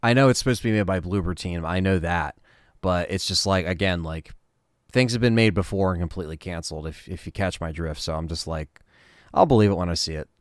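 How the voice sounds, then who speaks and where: A man hosting a casual livestream, answering chat questions in a relaxed, rambling way with lots of fillers. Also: sits low, brisk, no room sound, studio quality.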